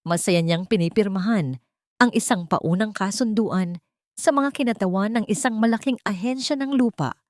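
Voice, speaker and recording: A woman with a Filipino accent reads a dramatic scripted story like a storyteller, her medium-pitched voice a little mellow at a moderate pace. The recording is dry, with clean studio sound.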